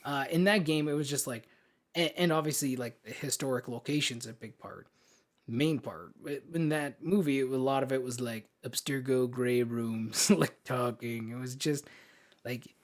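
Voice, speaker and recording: With a medium-pitched voice at a moderate pace, a man co-hosts a podcast and weighs in on films. His talk is casual and informal, and he states his opinions emphatically.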